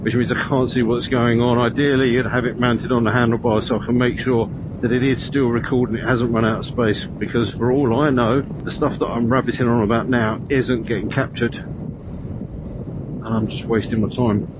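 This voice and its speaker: A man's voice: mid-range voice, flat delivery, brisk. A man chatting casually and rambling as he rides, his voice muffled and boxed in inside a helmet. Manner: rambling, thinking aloud. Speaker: motorcycle vlogger. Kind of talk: casual motovlog chat while riding. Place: inside a motorcycle helmet, riding outdoors on country roads. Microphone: helmet intercom microphone. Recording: muffled helmet intercom, loud wind and engine noise.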